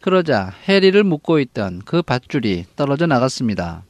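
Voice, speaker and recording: A man from Korea teaching an English novel, reading each line slowly and then translating it. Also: medium pitch, sing-song, no echo, highs cut off. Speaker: English book lecturer.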